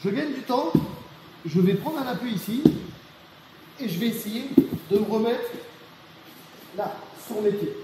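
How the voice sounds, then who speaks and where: A man's voice: high-pitched, animated, a little slow, long pauses. Man instructor in an echoing gym. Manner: explanatory, often checks with "d'accord?". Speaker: martial arts instructor. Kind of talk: technique demonstration. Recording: echoey hall with reverb and faint noise.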